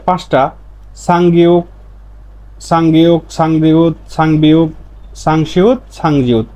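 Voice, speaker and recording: A man with a somewhat high voice teaches a pronunciation lesson. He is patient, repeats each example slowly, and asks himself questions before answering them. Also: a little mellow. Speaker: language teacher.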